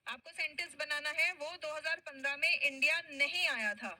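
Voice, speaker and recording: A woman teacher with an Indian English accent, a Hindi speaker, teaching a spoken English class, drawing out example sentences slowly and praising her students. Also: high voice, pushed and bright, no echo, poor audio.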